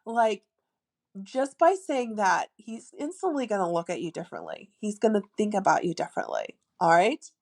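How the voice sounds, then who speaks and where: Woman host, mid pitch, chatty dating-coach podcast monologue, playful asides, filler-heavy. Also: big pitch swings, fairly quick, hardly any pauses. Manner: demonstrates a lilting flirty tone. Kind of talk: casual advice monologue.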